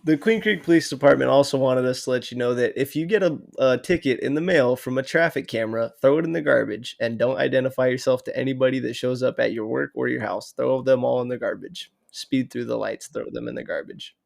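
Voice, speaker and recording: A man co-hosting a comedy podcast, delivering deadpan mock announcements. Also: medium pitch, fairly quick, vocal fry, few pauses. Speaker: podcast co-host. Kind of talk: casual comedic chat.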